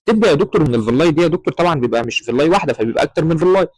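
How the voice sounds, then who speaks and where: A man's voice: a little high, expressive, very fast, darkish tone, no echo, low-quality recording. A man with an Egyptian Arabic accent explaining embryology slides to medical students, often calling the listener "doctor" and mixing in English terms. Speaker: medical lecturer.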